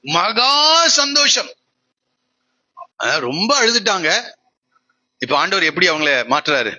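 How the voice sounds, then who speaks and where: A pastor preaching a sermon, asking the congregation questions and answering them himself. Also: male voice, on the high side, sing-song, moderate pace, pushed and bright, dull audio.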